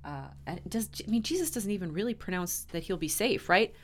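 A woman pastor at a mid pitch speaks earnestly, stopping and restarting her thoughts as she chats on a podcast. Her delivery is conversational and unpolished, caught up in the story she is telling. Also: lively intonation, a little fast. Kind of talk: casual podcast discussion.

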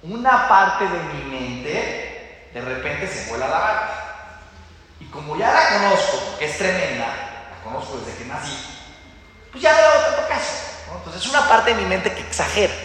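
A man giving a religious talk to an audience. He teaches in an animated way, acting out little dialogues and asking rhetorical questions. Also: fairly high pitch, moderate pace, a little hiss or hum. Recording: very echoey hall with long reverb.

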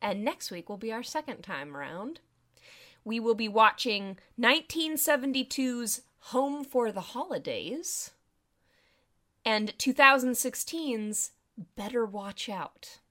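Female film-podcast co-host: high, animated voice, casual and conversational. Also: takes it slowly.

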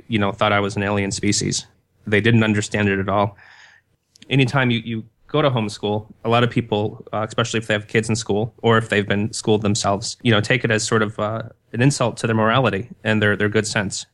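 A man speaking as a podcast guest in casual conversation, in a hesitant, halting way with repeated words. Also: fairly low pitch, a bit bright.

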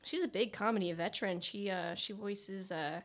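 A woman talking in a loose, casual podcast conversation about a movie. Her voice is bright and forward, and she gets animated, laughing and acting out quoted lines. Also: medium pitch, normal speed. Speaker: podcast panelist discussing a film.

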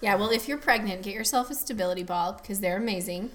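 A woman's voice: mid-range voice, fast talker, a bit bright. A young woman from the US Midwest co-hosting a casual podcast at home. She talks chattily and laughs often. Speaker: podcast co-host. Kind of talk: casual chat.

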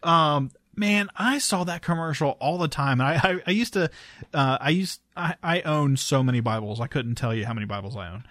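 Halting, casual man, dry close sound. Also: on the high side, lively intonation, fairly bright tone, no echo. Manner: halting, repeats words as he searches for them. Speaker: show host. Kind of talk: casual chat.

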